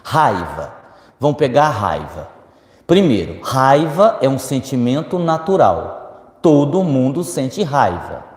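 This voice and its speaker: A man's voice: mid-range voice, slow. A man with a Brazilian accent giving a spiritist lecture, answering audience questions and acting out the quoted voices of others. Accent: Brazilian Portuguese. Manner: lively, acts out quoted voices, speaks to the audience directly. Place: lecture hall. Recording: echoey hall reverb.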